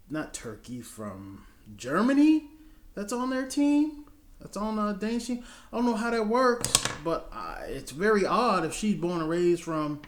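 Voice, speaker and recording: Chatty American man in an echoey room. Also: a little high. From United States. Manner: rambling, loose and chatty with many fillers. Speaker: vlogger answering viewer questions. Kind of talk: casual chat.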